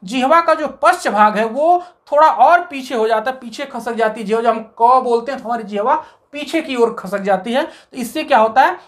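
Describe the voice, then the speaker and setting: A woman teaching a Hindi grammar lesson, explaining step by step and asking questions that she answers herself. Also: fairly high pitch. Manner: recites letters of the alphabet slowly.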